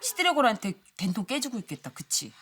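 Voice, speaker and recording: An actress playing a teasing, wisecracking neighborhood housewife in a sitcom. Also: female voice, on the high side, very animated, fast talker, background noise. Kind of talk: sitcom acting.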